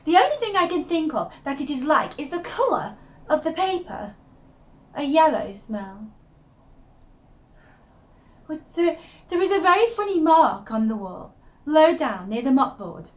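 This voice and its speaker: A woman reads a dramatic first-person monologue as an unravelling young wife, her high voice intense and confiding, as if telling a diary what no one else may know. She shifts from hushed secrecy to emphatic, obsessive fascination, very animated yet a little slow with long pauses. The mood is obsessed and uneasy.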